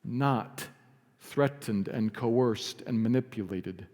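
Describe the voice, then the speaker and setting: A man preaching a sermon as pastor, earnest, sometimes dropping to a soft, quiet emphasis. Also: mid-range voice, takes it slowly, in a large hall. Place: church sanctuary.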